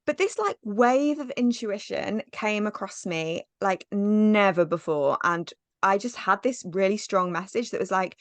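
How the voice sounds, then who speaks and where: A woman's voice: medium pitch, measured pace, hardly any pauses, dry recording. A woman in her thirties, a podcast guest chatting in a casual, storytelling way with lots of "like" and "um". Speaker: podcast guest, business mentor.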